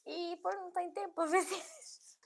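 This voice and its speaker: A woman's voice: very high voice, fairly even intonation, fairly quick, vocal fry. A young woman with a European Portuguese accent, co-hosting a podcast in casual, filler-heavy chat. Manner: chatty, laughs often, filler-heavy. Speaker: podcast co-host.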